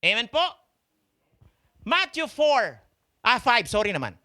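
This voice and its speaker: Slow, emphatic Filipino preacher man. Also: sing-song. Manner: mixes Tagalog and English, asks the congregation questions; slow, emphatic delivery with sharp swings in pitch and volume. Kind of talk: sermon.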